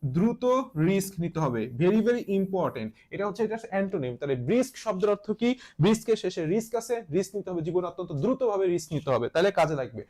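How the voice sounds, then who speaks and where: A man leads a casual online vocabulary lesson in a fairly high voice. He keeps asking what a word means and then answering it himself, so each point gets repeated. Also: lively intonation, fast talker, few pauses, dark tone. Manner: casual, repeats key words as questions and answers. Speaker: teacher.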